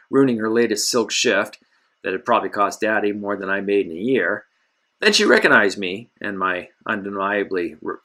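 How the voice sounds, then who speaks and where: A man's voice: mid-range voice, sharp tone. A man narrating a first-person pulp adventure story with wisecracking, self-mocking, hard-boiled asides.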